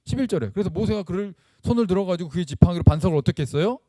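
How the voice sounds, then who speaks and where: A man preaching a lively sermon, asking the congregation questions and acting out the voices of the people in the story. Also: sits high, very fast, no echo, clean studio sound. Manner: animated, acts out quoted voices, asks the congregation questions; admits using blunt speech when excited. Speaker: pastor.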